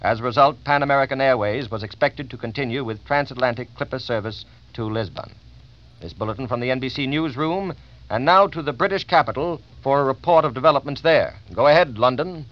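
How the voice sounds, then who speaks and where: A man's voice: mid-range voice, brisk. Formal male announcer on old 1940s radio. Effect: old 1940s radio broadcast. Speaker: network news announcer. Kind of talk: studio radio news bulletin. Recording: dull lo-fi vintage radio.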